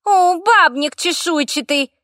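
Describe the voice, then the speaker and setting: A woman voicing a tiny, jealous female fire elemental with a creaky, grating voice and screechy outbursts in an audiobook. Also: very high voice, slow pace, a bit bright, no echo, clean studio sound, pitched above the performer's own voice, exaggerated voice. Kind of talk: audiobook character voice.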